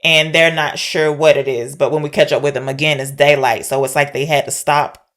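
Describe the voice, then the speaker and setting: Talking briskly in a low, fairly bright voice with a level tone, this woman co-hosts a movie podcast. She gives a casual plot recap, checking with her co-host that she's phrasing things right.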